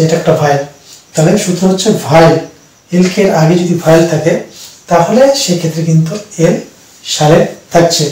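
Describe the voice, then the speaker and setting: A man who speaks Bengali as his first language, teaching English pronunciation rules slowly and step by step, with many pauses and repetitions. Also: on the high side, darkish tone. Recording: echoey room, distant from the mic.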